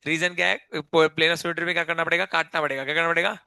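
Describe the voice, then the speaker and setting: Bright, crisp male chemistry teacher. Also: on the high side, flat delivery, rapid-fire, no echo. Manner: quizzing, repeating key terms as questions. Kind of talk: live online class lecture.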